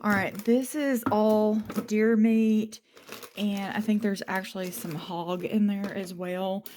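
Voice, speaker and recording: A woman's voice: mid-range voice, steady tone, slow pace, darkish tone, slight background noise. Chatty woman vlogging at home. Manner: chatty, nervous whispering in the basement. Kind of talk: casual vlog chat. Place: home, moving around indoors and outdoors.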